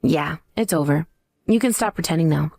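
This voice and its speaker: Actress as low-voiced, scornful vengeful wife. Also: female voice, moderate pace, gravelly, a little mellow, no room sound, studio quality. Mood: taunting. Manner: taunting, cool. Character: scornful, vengeful pregnant ex-wife, coolly triumphant. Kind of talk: dramatized story dialogue and narration.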